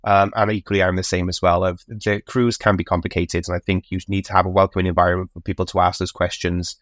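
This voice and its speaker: A man's voice: low voice, level tone, fast, fairly bright tone, dry recording, studio quality. Chatty male podcast host. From United Kingdom. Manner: chatty, rambling, with frequent fillers and restarts. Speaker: podcast host and cruise travel agent. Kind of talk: casual podcast chat.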